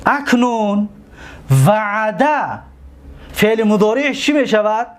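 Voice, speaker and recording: A male teacher with a Tajik accent and a fairly high voice gives a classroom lecture explaining grammar, steadily drilling word forms one at a time. He asks his class questions and then answers them himself.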